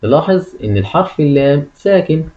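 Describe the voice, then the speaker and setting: A man's voice: a little high, big pitch swings, fast, dull audio. A man with an Egyptian Arabic accent teaches a lesson, repeating key phrases and asking the listener questions. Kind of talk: classroom-style lesson.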